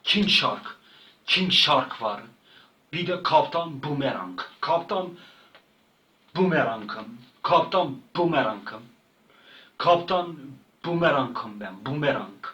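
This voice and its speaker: A man's voice: fairly high pitch, expressive, takes it slowly, sharp tone, distant mic, muffled recording. A man telling a rambling comic story in casual slang, often repeating and stumbling over words. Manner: repetitive, slangy, stumbling retelling. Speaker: channel host.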